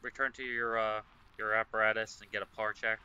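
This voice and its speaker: A man playing incident commander in an online firefighting game, giving halting radio-style orders and chatting casually. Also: on the low side, level tone, lo-fi sound. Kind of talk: role-play radio dispatch and casual gamer chat. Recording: noisy voice chat with vehicle sounds. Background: loud game vehicle noise and ambience.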